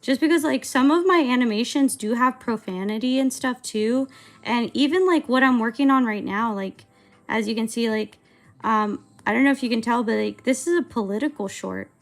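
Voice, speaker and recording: A young woman in her mid-twenties talks to her livestream chat while working on an animation. Her voice sits a little high with a gravelly, fry-laden texture. She meanders and hesitates, circling her thoughts with constant fillers, and soft music plays underneath. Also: normal speed. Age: 20s. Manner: rambling, hesitant, filler-heavy. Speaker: streamer and animator.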